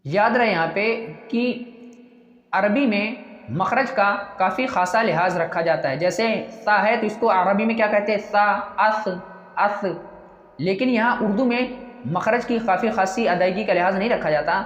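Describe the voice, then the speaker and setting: A teacher walks through a reading lesson one step at a time, asking each question aloud and then answering it twice. The voice sits at an ordinary middle pitch. It is recorded with a dull, lo-fi tone and a long, roomy reverb. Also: moderate pace.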